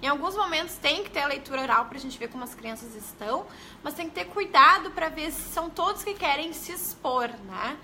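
Woman, Brazilian Portuguese accent, young adult, teacher, high-pitched, casual live-stream chat. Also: lively intonation, brisk, sharp tone, slight background noise. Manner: chatty, greets viewers, tags sentences with questions. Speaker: early-literacy educator.

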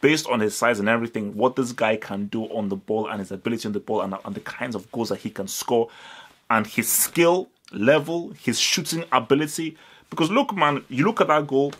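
A young man hosting a football channel, giving animated direct-to-camera match analysis indoors, stressing points and repeating words. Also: mid-range voice, a little fast, slightly rough. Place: indoors, small room with curtains.

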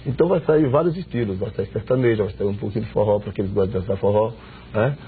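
A middle-aged singer from Sergipe, Brazil, chatting relaxed with many fillers in a TV studio on a lapel mic. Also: male voice, on the low side, fast, a little hiss or hum. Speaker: band singer. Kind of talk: casual interview chat. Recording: tinny lo-fi broadcast audio with guitar.

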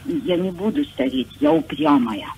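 A woman in her sixties calling a radio show. She speaks hesitantly at first, then recites a poem with lively emphasis. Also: low-pitched, moderate pace, phone-quality sound, a little hiss or hum. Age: 60s. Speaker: caller.

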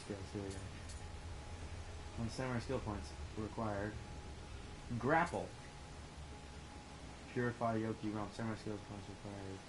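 A man's voice: lowish voice, steady tone, unhurried, pauses often, background noise. A man playing a video game in casual chat with a friend, reading the game's text aloud and swearing bluntly. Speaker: game player and co-host. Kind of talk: casual let's-play chat.

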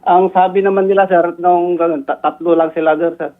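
A man reporting as a police investigator, deferential and halting, adding "sir" to nearly every phrase. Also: high-pitched, steady tone. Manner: deferential, says "sir" constantly, halting with fillers. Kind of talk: phone-in report. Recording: tinny phone line.

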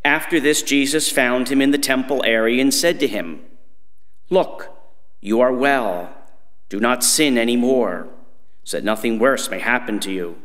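A middle-aged man, a priest, reading scripture and preaching at Mass in a measured, solemn manner. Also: medium pitch, a bit bright. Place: church sanctuary, standing at lectern. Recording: echoing church with long reverb.

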